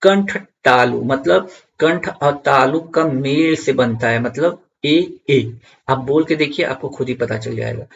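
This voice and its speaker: A man's voice: medium pitch, unhurried, vocal fry, muffled recording. A man teaching an online grammar lesson for exam students, repeating key points and checking in with viewers.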